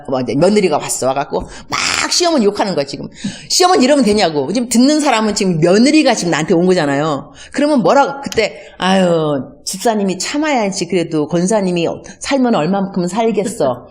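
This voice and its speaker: A woman missionary giving a conversational teaching talk, acting out everyday dialogues and mixing in English words. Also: medium pitch. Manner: acts out everyday dialogues in lively voices.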